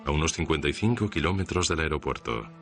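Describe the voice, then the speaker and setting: A man reading a scripted documentary narration in a measured, serious way. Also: very deep voice, expressive. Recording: music under the voice. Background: background music.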